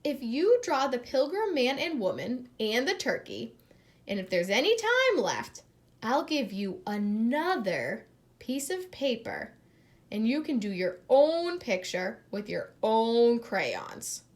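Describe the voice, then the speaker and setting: A woman reader plays a patient lady art teacher in a children's storybook. She explains carefully and reasonably, in a fairly high voice with plenty of rise and fall. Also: huge pitch swings, slow pace, exaggerated voice. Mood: conciliatory.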